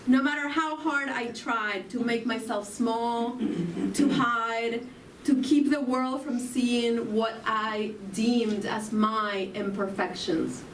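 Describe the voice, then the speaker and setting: A woman from Argentina with an Argentine Spanish accent delivers an inspirational sermon at a slow, reflective pace, often turning questions back to her audience. Her voice sits a little high with fairly even intonation. She is picked up from a distance in a roomy hall, with faint ambience and a little hiss or hum.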